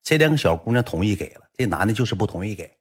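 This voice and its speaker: Racing and animated, a young livestream storyteller with a Northeastern Mandarin accent spins tales in a blunt, chatty manner. His fairly low voice sounds slightly rough.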